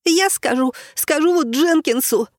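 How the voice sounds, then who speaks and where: A man reading an audiobook voices an excitable female squirrel in a squeaky high voice. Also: measured pace, no room sound, clean studio sound. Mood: shrill outraged.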